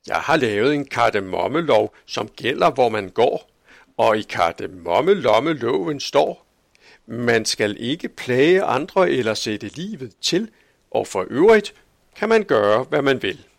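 A man voicing a kindly, easygoing police chief in a storybook reading, speaking in a gentle, sing-song way. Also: mid-range voice, very animated, creaky, no room sound, clean studio sound. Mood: friendly.

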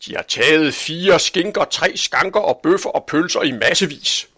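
A man voicing an angry, blustering town butcher in a storybook reading, with loud, indignant, high-pitched outbursts. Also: expressive, dry recording, clean studio sound.

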